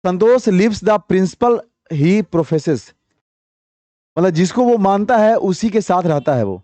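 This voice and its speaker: A man teaches grammar in a high, mellow voice, reading sentences out slowly and then pressing his students for answers. The sound is dry and close, with no room around it. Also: lively intonation, dry recording. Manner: coaxing, quizzing students with repeated questions; reads English sentences slowly, then explains briskly. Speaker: English teacher. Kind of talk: classroom grammar lesson.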